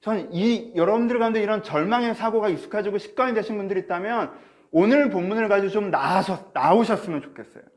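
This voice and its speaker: This pastor talks fast in a voice that sits high, and his face mask muffles it slightly as he preaches an online sermon to his congregation. He directs questions at his listeners and acts out inner thoughts along the way.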